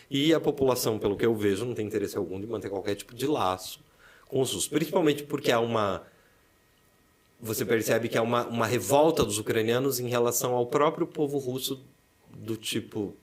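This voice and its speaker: A man from Brazil with a Curitiba accent, a podcast guest chatting casually and telling lively stories, acting out what people say. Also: mid-range voice, fairly quick. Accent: Curitiba Brazilian Portuguese. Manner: animated storyteller, acts out quoted speech. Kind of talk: casual interview chat.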